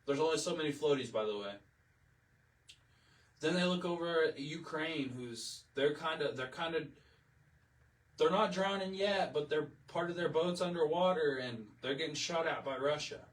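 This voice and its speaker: A man's voice: a little high, normal speed, distant mic, poor audio. Heated man ranting on a livestream. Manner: heated, emotional, repetitive, swears. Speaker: livestream host. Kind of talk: impassioned political livestream rant.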